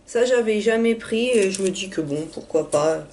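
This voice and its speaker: A hoarse young woman, raspy from being ill, chatting through a casual haul video with many hesitations. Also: medium pitch, lively intonation, normal speed, a little mellow, slight background noise. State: hoarse from illness. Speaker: vlogger.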